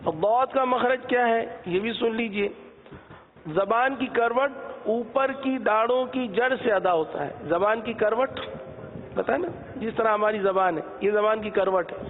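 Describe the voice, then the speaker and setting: A man with a strikingly high voice gives a patient religious lesson on pronouncing letters, stretching each sound out slowly. The audio is thin and phone-like, with a long reverb behind it and a faint hum underneath. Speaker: Quran recitation teacher.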